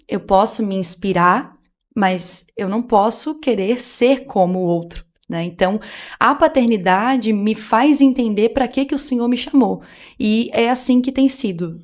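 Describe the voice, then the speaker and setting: A woman shares her faith testimony in a relaxed podcast chat. She speaks earnestly and with feeling, often slipping into the voices of remembered conversations. Her pitch sits in the middle range. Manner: earnest, emotional storytelling with quoted dialogue. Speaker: podcast guest.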